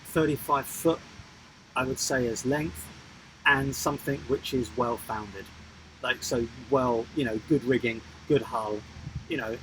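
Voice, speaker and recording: A man's voice: medium pitch, steady tone, a little slow, a bit bright, slight background noise, rough recording. A man co-hosting a live stream Q&A about sailing, joking and rambling as he answers viewers' questions. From England. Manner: jokey, rambling, self-interrupting. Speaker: sailing vlog co-host.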